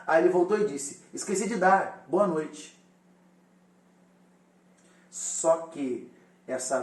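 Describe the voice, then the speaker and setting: A man's voice: on the high side, reverberant, recorded from a distance. A male teacher explaining a lesson directly to his students. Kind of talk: recorded lesson.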